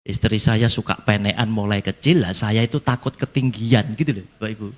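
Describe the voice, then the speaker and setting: Older male pastor, East Javanese accent, animated folksy sermon delivery with sharp jumps from hushed to high and loud. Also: fairly quick. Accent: East Javanese (Surabaya). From East Java, Indonesia. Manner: animated preaching, swinging from low quiet lines to sudden high emphatic calls; folksy, slipping into local Javanese phrases.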